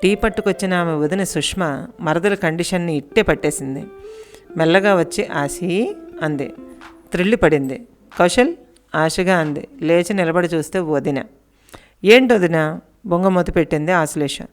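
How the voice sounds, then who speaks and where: A woman with a fairly low voice reads a romantic tale as an audiobook, calm and steady, and gives the characters' lines small changes of voice. Soft music plays faintly under her narration. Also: moderate pace. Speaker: storyteller.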